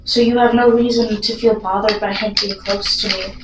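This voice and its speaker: A woman vlogging a ghost investigation in an excitable, spontaneous way, putting questions and requests to a spirit and often rephrasing them. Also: medium pitch, normal speed. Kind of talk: spontaneous vlog narration while addressing a spirit with questions. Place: echoey room inside a castle. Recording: roomy echo, some background noise.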